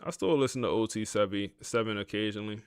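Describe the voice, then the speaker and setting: This gaming streamer talks fast in a smooth, fairly low voice, keeping a relaxed, chatty commentary going for his viewers during play. The recording is dry and clean, with studio-quality sound.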